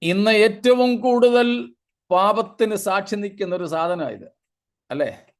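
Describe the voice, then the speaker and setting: A man's voice: high voice, measured pace. A man preaches a Bible sermon in a slightly raised voice. He takes his time, moving through long lists one item at a time and slipping in brief 'praise God' asides as he goes. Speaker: pastor.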